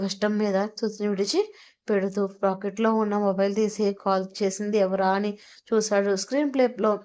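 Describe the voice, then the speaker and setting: A woman reading a romance audio story in a steady, expressive narration. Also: mid-range voice.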